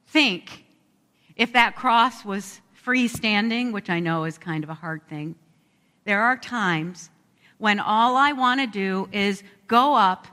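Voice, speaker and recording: A woman pastor leads a slow, heartfelt prayer, her voice bright and clear. Each phrase hangs in the long reverb of a big church sanctuary. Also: medium pitch. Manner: slow, reflective, heartfelt praying. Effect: long echo of a large church hall. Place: church sanctuary during a service.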